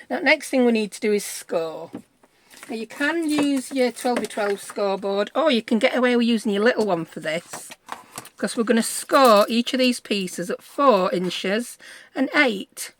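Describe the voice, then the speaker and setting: British woman, chatty craft tutorial. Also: fairly high pitch. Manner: chatty, thinks aloud, checks with listeners using tag questions. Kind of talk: casual step-by-step craft demonstration.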